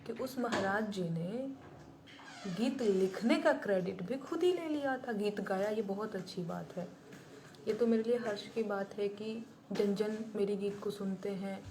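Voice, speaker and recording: A woman singer-songwriter speaks bluntly and indignantly to her viewers on a live stream, plain-spoken throughout. Her voice is mid-range and unhurried, with crowd noise in the background.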